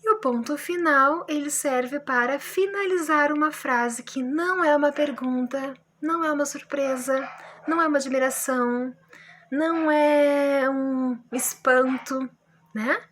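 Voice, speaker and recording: Female Brazilian teacher, higher-pitched, friendly and very expressive, with lots of check-ins. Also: moderate pace, a little hiss or hum. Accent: Brazilian Portuguese. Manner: friendly, exaggerated intonation, frequent "tá?" checks. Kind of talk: remote grammar lesson for schoolchildren.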